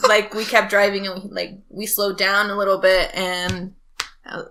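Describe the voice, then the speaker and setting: A woman's voice: medium pitch, flat delivery, normal speed, sharp tone, a little hiss or hum. A woman guest on a podcast, casually telling a rambling story with lots of ums. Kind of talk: casual chat.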